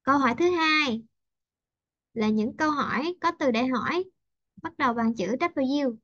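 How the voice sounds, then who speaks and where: A woman's voice: high voice, fairly bright tone, dry recording, lo-fi sound. Patient woman teaching online. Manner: patient, repeats example sentences slowly. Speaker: English teacher. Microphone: video call.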